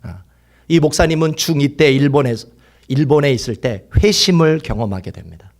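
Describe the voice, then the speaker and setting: His voice sits on the high side, animated and moderately paced, as this pastor preaches with fervor. Loud outbursts give way to whispers, and he leads the congregation in repeating his words.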